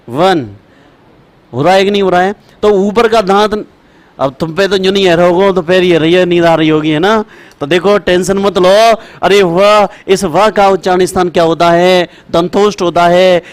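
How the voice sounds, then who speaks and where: A man teaching Sanskrit to students, repeating rules slowly for dictation and calling his students brother and child. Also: sits high. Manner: repetitive, chanting rules for dictation. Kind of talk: classroom lecture.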